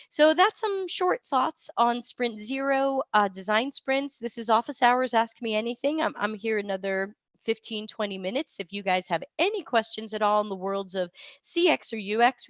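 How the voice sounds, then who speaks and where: A woman with a medium-pitched voice, recorded in clean studio sound with no echo, is hosting a casual live Q&A stream while sick with a cold. She's in a hotel or temporary room on a trip, chatting and rambling and repeatedly stopping to correct herself.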